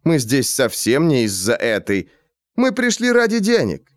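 A man's voice: mid-range voice, wildly swooping pitch, measured pace, dry recording, studio quality. A man voicing a cruel, greedy gang boss who mocks and bullies his captives, in an audiobook. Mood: mocking. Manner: mocking, bullying.

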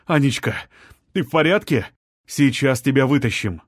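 A man's voice: mid-range voice, lively intonation, normal speed, slightly rough, no room sound, studio quality. A man voicing a desperate young husband begging for help in an audiobook scene. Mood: anxious. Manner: pleading, panicky.

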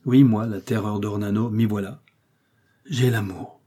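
Audiobook: male reader voicing a brawny heartbroken street tough, dark husky tone, exclamatory. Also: fairly low pitch, fairly even intonation, a little slow. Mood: lovesick. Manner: emotional, pleading, exclamatory. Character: huge lovesick Parisian tough guy, grieving.

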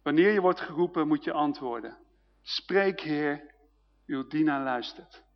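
A man's voice: on the high side, a little slow, pitched below the performer's own voice. Man voicing a weary old priest. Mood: gentle. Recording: dull sound with long hall reverb.

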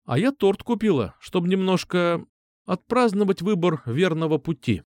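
A man's voice: high-pitched, animated, moderate pace, darkish tone, dry recording, studio quality, voice pushed up. A man reading an audiobook, voicing a caring, chatty middle-aged mother in a raised voice. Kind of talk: audiobook character voice.

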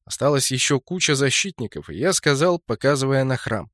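Man, audiobook narration, steady storytelling, middle pitch, dry close mic. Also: a little fast, no echo. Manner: steady storytelling, jumps higher and louder for shouted lines. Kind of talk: scripted narration of a fantasy game novel.

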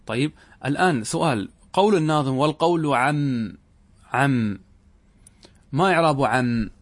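A middle-aged man giving a classroom lesson on Arabic grammar, asking questions and repeating key words slowly for emphasis. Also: mid-range voice, animated, no room sound.

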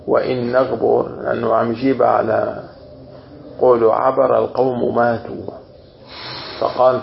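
A man's voice: mid-range voice, gravelly, slight background noise. A man teaching as a sheikh, explaining a classic text word by word and checking with a yes. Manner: explains word by word, often saying yes and you mean. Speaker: sheikh teaching Quranic exegesis. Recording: roomy, dull lo-fi room recording.

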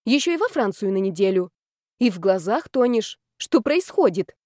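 Woman playing a bossy nosy girlfriend, loud, emphatic, brisk, audiobook. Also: medium pitch, big pitch swings, dry recording, studio quality, close to an everyday voice. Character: shrewd, pushy, curious female friend.

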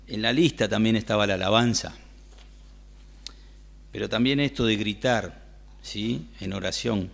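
A man's voice: lowish voice, creaky. A man with a Rioplatense Spanish accent preaching a sermon in a church, talking conversationally and asking the congregation questions.

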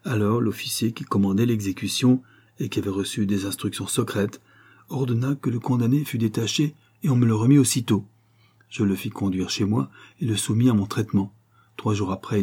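A man reads a classic novel aloud in a measured, even audiobook style. His voice is low, dark and a little husky. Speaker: audiobook narrator. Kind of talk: scripted audiobook narration.

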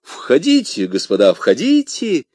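A man playing a bold, cunning young musketeer who declaims loudly and brashly. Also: a little high, huge pitch swings, measured pace, husky, dry recording, studio quality, voice pushed up, full character voice. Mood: bluff welcome. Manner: loud, brash, theatrical declaiming.

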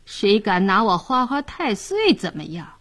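A boozy, boastful young official who drags out every word and leers through his slurred speech, his voice rising loud and swinging wildly in pitch, as a woman storyteller puts him on. There is a husky edge to the tone. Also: lively intonation, heavily acted. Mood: blustering, sly. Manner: slurred, leering, drawn-out. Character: drunken lecherous young male official, boastful.

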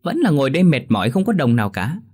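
A man voicing a greedy, nagging middle-aged village wife with a sharp, high voice. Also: sing-song, brisk, breathy edge. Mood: scolding.

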